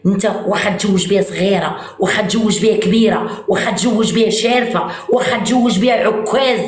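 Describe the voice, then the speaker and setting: A woman's voice: medium pitch, quick pace, faint music behind. A woman with a Moroccan accent in a heated argument on a live stream, talking over her partner and hammering the same point. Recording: echoey room.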